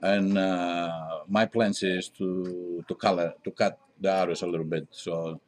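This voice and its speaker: A middle-aged Greek diner owner from Greece speaks as an interview guest in a low, fairly flat voice with a Greek accent. Using English as a second language, he talks conversationally in halting phrases with frequent pauses.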